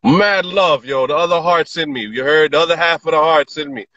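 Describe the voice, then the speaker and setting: A man's voice: fairly high pitch, a little fast, sharp tone. A man chatting casually in a slangy, emphatic way, repeating his phrases, over lo-fi call audio. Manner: slangy, emphatic, repetitive praise. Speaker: music artist guest. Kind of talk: casual chat.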